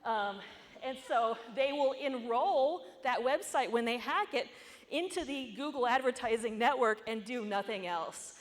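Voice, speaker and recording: A woman's voice: on the high side, a little slow. Chatty woman giving a conference talk. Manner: casual, conversational, with asides and jokes. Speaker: conference speaker. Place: conference hall. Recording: echoey conference hall.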